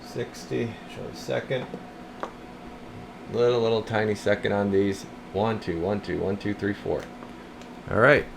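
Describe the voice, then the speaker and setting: A radio repair and test channel host gives a casual working demonstration, guiding viewers through each step and occasionally half muttering to himself. He has a lowish, steady voice with vocal fry, a measured pace, and frequent pauses, and background noise can be heard.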